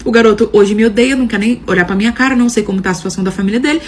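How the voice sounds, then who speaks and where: Fast-talking young woman telling a story. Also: on the high side, a little hiss or hum. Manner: lively, dramatic retelling with quoted dialogue; frequent filler "não sei o quê". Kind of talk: casual first-person storytelling.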